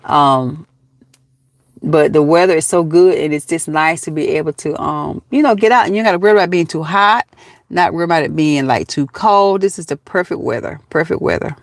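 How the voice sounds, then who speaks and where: A woman in her fifties from Georgia, USA, speaks with a Southern accent in a low voice, a little fast, on a dry recording. Chatting casually with viewers on a live stream, she laughs often and calls them baby and honey.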